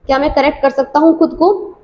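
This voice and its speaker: Woman teaching with high, clear delivery. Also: steady tone, dull audio, a little hiss or hum. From India. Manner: explains in Hindi, reads English tips slowly and clearly. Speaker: English teacher. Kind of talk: IELTS speaking lesson.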